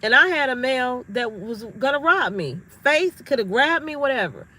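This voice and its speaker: A woman's voice: sits high, normal speed, rough recording. A middle-aged woman talking to her viewers in a casual, emphatic monologue, telling stories with energy. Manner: emphatic, animated storytelling. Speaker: astrology vlogger.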